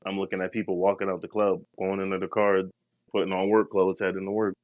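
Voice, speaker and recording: Deep dude rambling about trips, slangy, kinda muffled dry audio. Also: male voice, flat delivery, quick pace, no echo. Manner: slangy, laid-back, rambling. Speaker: podcast co-host. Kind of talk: casual travel storytelling.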